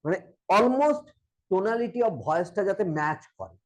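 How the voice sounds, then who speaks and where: A man's voice: high voice, very animated, measured pace, poor audio. A man with a Bengali accent teaching a coaching lesson, acting out short example conversations as he explains. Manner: explains with acted example dialogues. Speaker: mental wellness coach.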